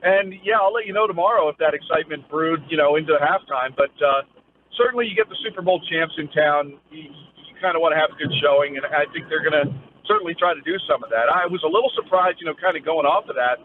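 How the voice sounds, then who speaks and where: Over a remote phone link with a narrowband sound and faint noise, a sports reporter delivers a live, conversational news field report, phrasing his analysis loosely. He talks fast, in a voice on the high side.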